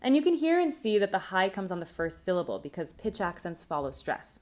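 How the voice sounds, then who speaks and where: A woman presenting a recorded academic conference talk on linguistics, explaining terms in a clear, measured way. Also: mid-range voice, very animated, a little mellow.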